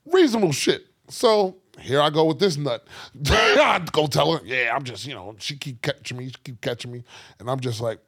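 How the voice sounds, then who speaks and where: A young man chats casually with a co-host. His husky voice jumps around a wide range as he acts out what people said and laughs between lines. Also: on the high side, normal speed. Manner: animated storytelling, acts out quotes, laughs often. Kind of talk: casual chat.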